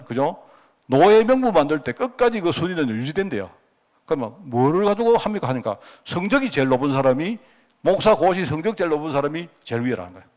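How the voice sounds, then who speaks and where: A man's voice: on the high side, darkish tone. A middle-aged man, preaching and telling personal stories with asides to the congregation. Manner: anecdotal, conversational, with frequent asides to the congregation. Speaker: pastor. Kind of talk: sermon storytelling.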